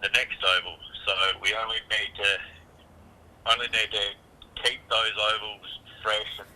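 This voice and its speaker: Australian man over a speakerphone, fairly low voice, very bright and edgy tone, halting, repeats himself. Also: level tone, low-quality recording. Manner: halting, repeats and restarts phrases while explaining. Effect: heard over a phone on speakerphone. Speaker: caller from a local football club. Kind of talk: casual phone chat.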